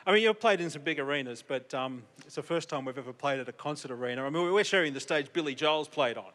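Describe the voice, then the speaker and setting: A man's voice: a little high, quick pace, a bit bright. A man hosting an on-stage interview, joking and playing to the crowd. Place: convention stage.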